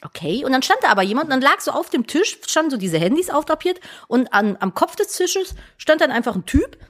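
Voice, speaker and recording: A woman's voice: high voice, big pitch swings, fairly quick. A woman telling a story in casual chat and acting out both sides of the quoted dialogue.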